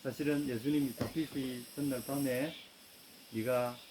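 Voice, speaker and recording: A man's voice: mid-range voice, fairly even intonation, unhurried, background noise. A man with a Gyeongsang accent preaching a sermon, retelling a story and addressing the congregation directly. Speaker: pastor.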